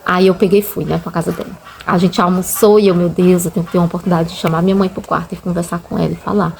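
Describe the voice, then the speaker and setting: A low, fairly flat voice races along, creaky yet a little mellow, with a faint hiss or hum in the recording. The speaker is a Brazilian mother who hosts a channel; with a Brazilian Portuguese accent she emotionally and sincerely shares her religious testimony, telling it casually and often saying "gente."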